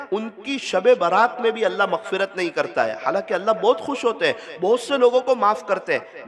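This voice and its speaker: A man from Gujarat preaching a sermon at a gathering, telling stories with feeling and repeating lines for effect. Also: high-pitched. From Gujarat, India. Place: large hall with an audience. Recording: reverberant hall with crowd noise. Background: crowd noise.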